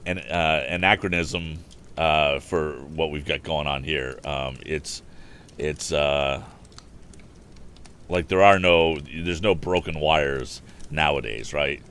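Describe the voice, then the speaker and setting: This man, a livestream storytime host with a bass voice that's a bit bright, reads at a slow pace. He delivers animated book reading peppered with casual asides into a streaming microphone, and faint background noise lingers on the stream.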